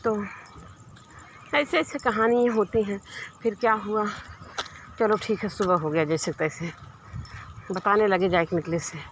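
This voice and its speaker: A woman's voice: mid-range voice, unhurried, pauses often, a little hiss or hum. A woman telling a long personal story in a casual, rambling way, repeating herself and laughing often. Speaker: vlogger.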